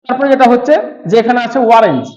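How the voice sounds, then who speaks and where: A man teaching grammar with a high voice, explaining each rule slowly and repeating it step by step. His voice rings in an echoey room, and the recording sounds dull and muffled. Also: sing-song, darkish tone. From West Bengal, India. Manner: slow, repetitive step-by-step explaining. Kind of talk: explaining grammar rules to students.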